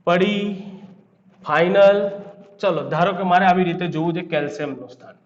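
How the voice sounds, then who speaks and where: A man's voice: high voice, normal speed. A man with a Gujarati accent giving a chemistry lecture, quizzing his students and then answering his own questions. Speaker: chemistry teacher. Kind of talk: classroom lecture. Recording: echoey room, dull lo-fi sound.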